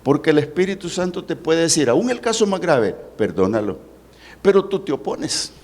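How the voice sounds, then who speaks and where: Lively-voiced preaching pastor. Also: male voice. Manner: preaching with dramatic pitch swings and slowed emphasis. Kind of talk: sermon. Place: church service.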